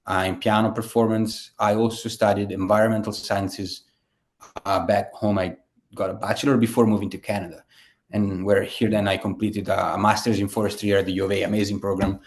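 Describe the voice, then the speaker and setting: A man's voice: on the low side, little pitch movement, a little fast. A man, a guest telling his story in a casual interview, rambling with many fillers and restarts. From Italy. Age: 30s.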